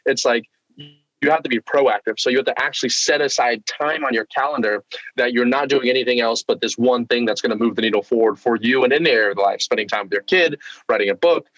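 A man's voice: medium pitch, fast talker, fairly bright tone, muffled recording. A young man speaking as an interview guest about business, in an emphatic, driven, motivational way. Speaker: guest entrepreneur. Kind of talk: casual interview talk.

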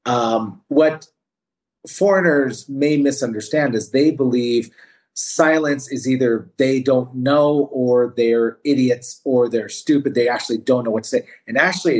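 A man's voice: mid-range voice, unhurried, darkish tone. Reflective male interview guest. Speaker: interview guest, business manager. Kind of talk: reflective storytelling in conversation.

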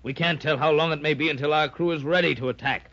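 Hearty, decisive sea captain. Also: male voice, a little high, fairly even intonation, quick pace, fairly bright tone. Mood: resolute. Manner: hearty nautical talk. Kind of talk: old-time radio adventure acting. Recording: dull lo-fi old radio recording.

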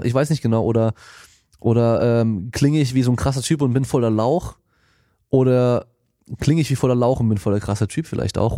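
A man's voice: mid-range voice, mellow, no room sound, studio quality. A young man hosting a podcast, telling a story in casual slang and acting out quoted lines, recorded seated at a podcast microphone. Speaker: podcast host. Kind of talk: casual monologue. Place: home studio, seated.

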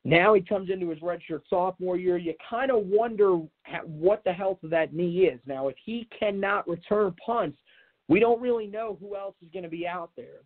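A man hosting a sports podcast solo, talking casually and off the cuff in a rambling way with many filler phrases. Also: high voice. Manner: rambling, repeats filler phrases like "you know". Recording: tinny, narrow phone-like sound.

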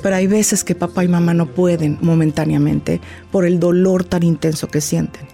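Mellow-voiced woman explaining grief gently. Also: on the low side, steady tone, normal speed, creaky, faint music behind. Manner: warm, didactic, acts out little dialogues with a child. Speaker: guest grief therapist. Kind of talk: explanatory interview talk.

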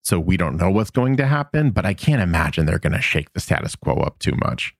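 Podcast co-host, man, deep voice, casual and rambly, dry close recording. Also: brisk, vocal fry, dry recording. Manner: relaxed, rambling with fillers like "like" and "uh". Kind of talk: casual chat and episode recap.

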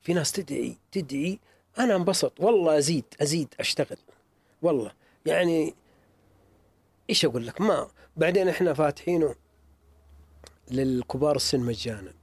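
Hoarse man, fast and earnest. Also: a little high, no echo. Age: middle-aged. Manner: earnest, storytelling, repeats himself for emphasis. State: sore throat. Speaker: museum owner. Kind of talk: casual interview talk.

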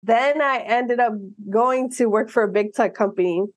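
Woman in her 30s from miami, guest in a chat interview, earnest and lively, restarts a lot, dry close sound. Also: a little high, moderate pace, no echo. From Miami, United States. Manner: earnest, animated, with frequent restarts and laughs. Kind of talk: casual interview conversation.

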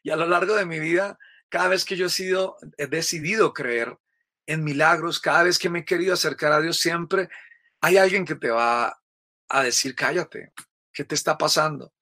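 Guy preaching, bright voice pitched a bit high, talks right at you. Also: normal speed. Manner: earnest, storytelling, addresses listener directly. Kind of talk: sermon-like spiritual reflection.

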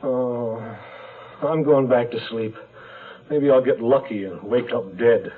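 A man's voice: medium pitch, slow pace, slightly rough. An actor playing a weary, hard-drinking male insurance investigator who stammers when flustered, in a 1970s radio drama. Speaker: detective narrator. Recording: tinny old radio broadcast with music.

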